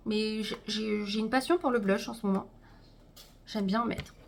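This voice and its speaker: A woman's voice: medium pitch, steady tone, normal speed, gravelly, slight background noise. A woman chatting casually to her viewers as she unboxes a makeup haul, talking to them directly and trailing off with fillers. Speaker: beauty vlogger.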